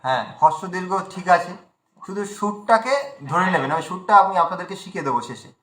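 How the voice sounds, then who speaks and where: A man teaching recitation in an online class, repeating syllables slowly and explaining pronunciation. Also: sits high, animated, a bit bright, echoey room. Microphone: video call.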